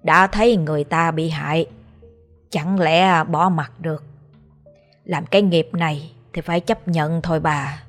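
A woman with a Southern Vietnamese accent voicing a tired, stubborn old male exorcist who talks gruffly and low-key.

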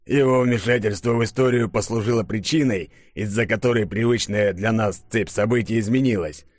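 A man voicing a stern middle-aged chief who briefs his team in a grave, measured way. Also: lowish voice, darkish tone, dry recording, studio quality, voice pushed up, close to an everyday voice.

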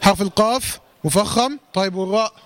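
A man with an Egyptian Arabic accent teaches a Quran recitation lesson, quizzing his listeners and then answering his own questions. He slowly draws out words to demonstrate them, in a high, fairly bright voice with no echo.

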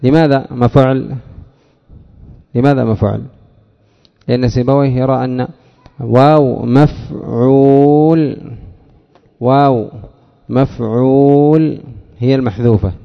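A man's voice: mid-range voice, gravelly. A man teaching a lesson on grammar, asking questions and answering them himself, repeating key words. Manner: addresses a student by name. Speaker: teacher of Arabic morphology. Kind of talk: classroom lesson explaining a text. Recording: dull lo-fi recording with long hall reverb.

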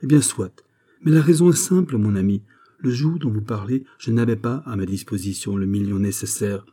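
A man reading the part of a calm, cunning bishop who speaks with smooth assurance. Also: on the low side, normal speed. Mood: assured. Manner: smooth, assured, quietly persuasive. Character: cunning calm older male bishop schemer. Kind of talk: audiobook character reading.

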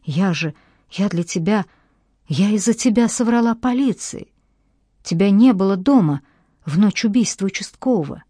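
A woman's voice: medium pitch, lively intonation, normal speed, dark tone, husky, dry recording, studio quality. A woman reading the part of a young woman in love, speaking emotionally and pleading. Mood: hurt, pleading.

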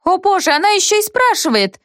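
A woman voicing a hysterical young woman who wails and shrieks in a shrill, drawn-out voice. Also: very animated, dry recording, clean studio sound. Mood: indignant.

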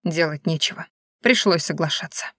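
A woman narrating a first-person story in a wry, expressive way. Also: sits low, normal speed, dry recording, clean studio sound. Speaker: audiobook narrator.

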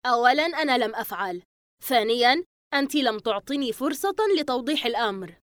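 A woman reader voicing a quick-tempered, cocky young man in an audiobook, speaking in a snappy, irritated way. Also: high voice, big pitch swings, fairly bright tone, no echo, clean studio sound, pitched above the performer's own voice.

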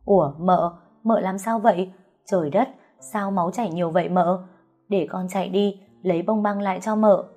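A woman's voice: lowish voice, steady tone, normal speed, mellow, faint music behind. A woman voicing a frightened, chatty young housemaid, talking in breathless, fretful bursts. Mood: worried.

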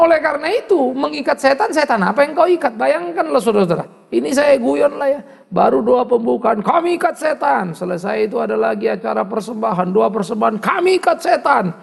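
A man delivers a sermon with gravelly fry in his voice and wide swings of pitch, teasing one moment and exclaiming the next. His tone is husky, and a long reverb trails behind him. It sounds like a church hall. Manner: animated preaching, mocking asides and rising exclamations. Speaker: pastor.

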